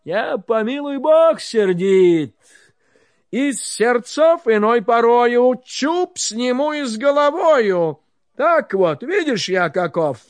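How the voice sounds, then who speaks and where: A man voicing a hot-tempered old bearded tsar in a storybook reading, shouting and blustering. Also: a little high, big pitch swings, very slow, few pauses, no echo, full character voice. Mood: boastful.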